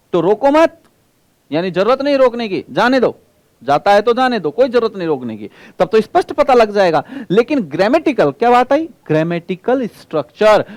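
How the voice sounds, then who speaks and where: A man teaching an exam-prep class in a high voice that rises and falls a great deal. He keeps asking his students questions and repeats each point, and he slows right down on key terms. The sound is dry and close. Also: no echo. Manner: stretches key terms out slowly.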